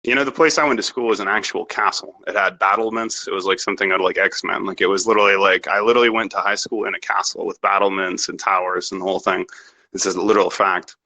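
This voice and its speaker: Bright, brash young man from Canada. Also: sits low, steady tone, fast talker, low-quality recording. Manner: rambling, profane and self-assured. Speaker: interview guest. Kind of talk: casual podcast interview.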